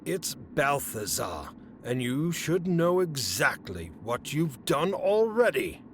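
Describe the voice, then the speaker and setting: A male actor plays a haughty, exasperated fae council official in a fantasy comedy audio drama, speaking formally and officiously. His voice is fairly high and very animated, delivered slowly, with slight background noise.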